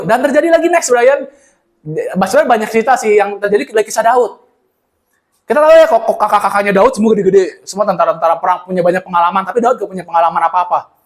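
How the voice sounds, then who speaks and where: Seorang pria muda berbagi firman di ibadah gereja dengan gaya santai, hidup, dan sering memerankan tokoh Alkitab dengan bahasa gaul. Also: high voice. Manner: animated, acts out Bible scenes in slang. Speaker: church speaker. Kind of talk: casual sermon sharing.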